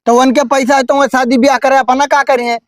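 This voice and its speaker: Man acting a blunt high-voiced village headman, Awadhi accent. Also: flat delivery, a little fast, dry recording, clean studio sound. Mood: stern, bossy. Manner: blunt, advising. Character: blunt, bossy village headman giving advice. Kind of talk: amateur comedy sketch dialogue in dialect.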